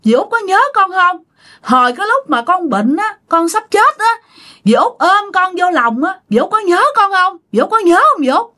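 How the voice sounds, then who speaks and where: A woman's voice: very high voice, very animated, normal speed, pushed and bright, pitched above the performer's own voice, exaggerated voice. A woman with a Southern Vietnamese accent voicing the wailing, pleading ghost of a young man who has possessed a villager.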